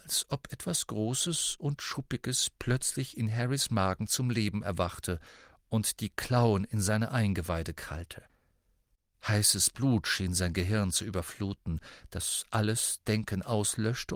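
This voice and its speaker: A man reading an audiobook with expressive, dramatic narration. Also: fairly low pitch, no room sound, clean studio sound. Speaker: audiobook reader.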